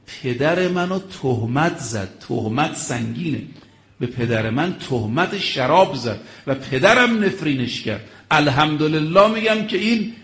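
Male preacher, slightly higher voice, dramatic storyteller who swings into emphatic outbursts. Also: a bit bright, echoey room. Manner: dramatic storytelling, rising to emphatic exclamations, acting out quoted speech. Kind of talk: religious sermon with storytelling.

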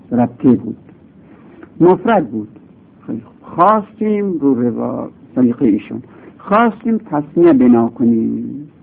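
A man gives a grammar lecture in a gravelly, slightly husky voice. His pitch swings widely as he repeats examples and stresses key points. The recording is tinny and lo-fi, like a phone line. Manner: explains patiently, repeats examples, voice leaps up for emphasis. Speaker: teacher of Arabic grammar. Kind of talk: classroom lecture.

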